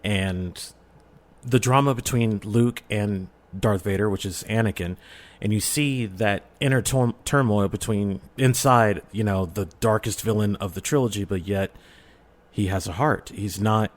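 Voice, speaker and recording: In an unhurried, lowish voice, a middle-aged audio drama creator guests on a podcast. He's relaxed and conversational, sharing stories from his own life with enthusiasm.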